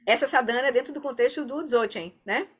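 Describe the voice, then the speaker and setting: A woman with a slightly high voice leads a meditation class over a video call. She explains things patiently and often checks in with her students as she goes. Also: fairly quick, slightly rough. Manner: calm, explanatory, often asks "né?". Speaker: Dharma teacher.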